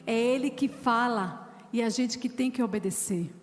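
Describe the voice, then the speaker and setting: A woman pastor preaches fervently, weaving personal testimony into her sermon. Her voice sits fairly high and carries a long reverb through the church hall. Soft music plays underneath. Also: moderate pace.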